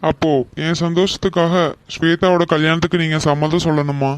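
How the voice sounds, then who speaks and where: A woman doing a gentle, patient cartoon son. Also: sits low, fairly even intonation, fairly quick, clear, resonant tone, no room sound, voice pushed down, close to an everyday voice. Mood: gentle reasoning. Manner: soothing, patient, persuasive. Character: calm young man, gentle reasoning son. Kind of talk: cartoon voice acting.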